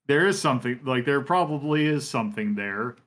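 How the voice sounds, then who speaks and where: A man's voice: mid-range voice, animated, fairly quick, a bit bright. A man running a tabletop game as game master, narrating with many fillers and restarts.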